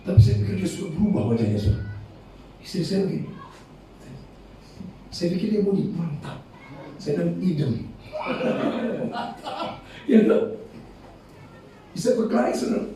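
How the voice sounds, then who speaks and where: Brief: middle-aged Batak pastor from Medan, animated high voice, mellow tone, joking sermon in a big echoey church heard from afar. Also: male voice, moderate pace, long pauses, a little hiss or hum. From Medan, North Sumatra. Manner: humorous storytelling, laughing, addresses congregation as "saudara". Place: large church hall. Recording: echoey church hall, from far off.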